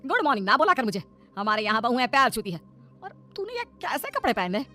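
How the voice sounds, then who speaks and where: A woman voicing a sharp-tongued, traditional older mother-in-law in an animated story. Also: a little high, a little fast, faint music behind. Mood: scolding.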